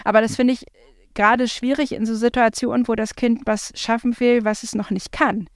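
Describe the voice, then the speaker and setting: A woman's voice: on the high side, flat delivery, a little fast, no echo, clean studio sound. A woman, a parent, talking in a chatty, reflective way with frequent fillers. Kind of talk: casual conversation.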